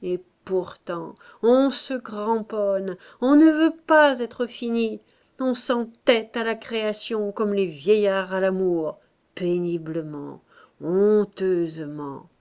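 A woman's voice: mid-range voice, slow pace, a little mellow. A woman reading the part of a burly, self-doubting older master painter in an audiobook, with pleading, tormented outbursts. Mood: despairing. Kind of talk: audiobook character voice.

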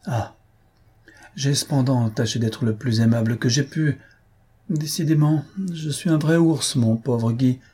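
A man reading aloud, voicing a gentle, quietly stubborn young countess with soft, reserved replies. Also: mid-range voice, a little slow, slightly rough, voice pushed up.

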